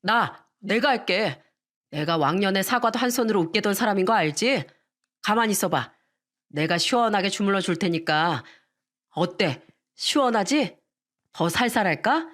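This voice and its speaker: A woman voicing a man's older brother who flatters and wheedles his rich younger sibling, in a storytelling radio drama. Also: mid-range voice. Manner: wheedling, eager to please. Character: fawning older male brother-in-law.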